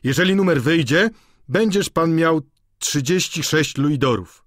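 A male audiobook narrator voicing a dignified old man who gives grave, calm advice. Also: a little high, measured pace, dry recording, studio quality, pitched above the performer's own voice. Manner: grave, advising.

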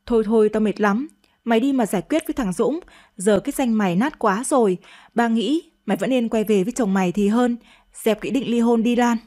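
A woman's voice: on the high side, fairly quick, mellow, natural voice. A woman voicing a stern, scolding old father. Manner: scolding, harsh and blunt. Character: stern angry elderly rural father.

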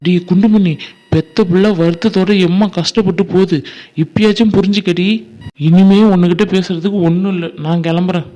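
A man's voice: sits high, fairly even intonation, fairly quick, dark tone, lo-fi sound, natural voice. A man voicing a reproachful family elder who scolds the women in a homemade cartoon. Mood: scolding.

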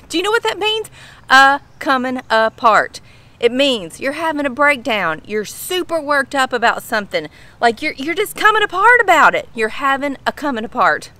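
A middle-aged woman talks casually to camera out on a patio. Her Southern drawl comes with a bright, forceful tone at an average female pitch. She explains in a folksy, animated way, repeating phrases to drive them home. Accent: Southern US, Kentucky drawl. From Kentucky, United States. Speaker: vlogger explaining slang. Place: outdoors on a home pool patio.

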